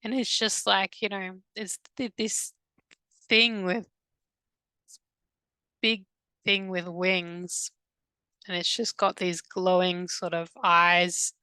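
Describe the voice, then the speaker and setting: A woman recounting a past-life regression under hypnosis, halting and hesitant, with many restarts, in a soft, subdued voice. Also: fairly low pitch, level tone, smooth, dry recording, low-quality recording. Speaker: hypnosis client.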